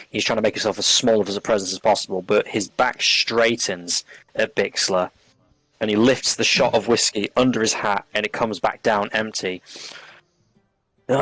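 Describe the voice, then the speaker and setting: A man playing in an online tabletop game, narrating his character's actions in steady description. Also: lowish voice, no echo, rough recording. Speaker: player.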